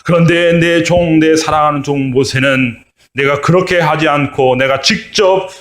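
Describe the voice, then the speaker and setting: A man voicing God speaking from a cloud. The voice is slow, drawn-out and scolding. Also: fairly high pitch, fairly even intonation, a bit bright, natural voice. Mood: solemn.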